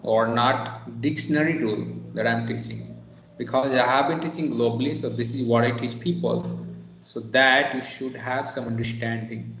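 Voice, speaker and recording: Guy tutoring on a video call, patient, says words over slowly, echoey dull audio, long room tail. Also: mid-range voice, fairly even intonation, a bit bright. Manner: patient, explains slowly and repeats words to model pronunciation. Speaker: English teacher. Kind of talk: online one-on-one tutoring.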